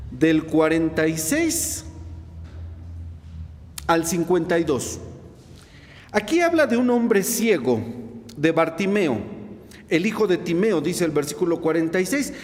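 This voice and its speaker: Man preaching, high voice, very lively pitch, long church-hall reverb. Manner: preaching with rhetorical questions to the congregation. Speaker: pastor. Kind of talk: sermon.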